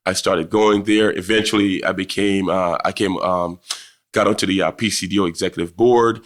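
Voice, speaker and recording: A man in his forties, born in Jamaica, talks about his town in a friendly, rambling way full of ums and restarts. His voice sits a little low. He speaks over a video call from an office lined with books. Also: fairly even intonation, moderate pace. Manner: friendly, many fillers and restarts. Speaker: town councilman, guest. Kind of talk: casual podcast conversation.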